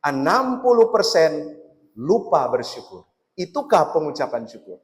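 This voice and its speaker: A male pastor with a Manado Malay accent delivers a lively sermon and keeps asking his listeners questions. His voice sits fairly high. It rings out in a worship hall with a long reverb. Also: a little slow. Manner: lively preaching, asks the congregation questions.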